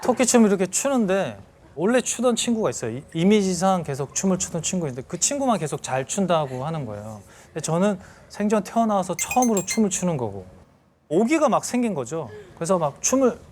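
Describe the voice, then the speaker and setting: A man in his thirties giving a storytelling lecture to an audience, lively and acting out scenes with sound effects. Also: high-pitched, fairly quick, noisy background. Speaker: celebrity lecturer.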